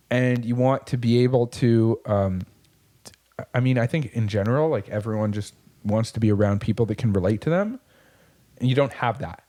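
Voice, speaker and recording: A man's voice: medium pitch, a little mellow. A man co-hosting a podcast in casual chat, talking bluntly and motivationally with frequent swearing. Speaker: podcast co-host.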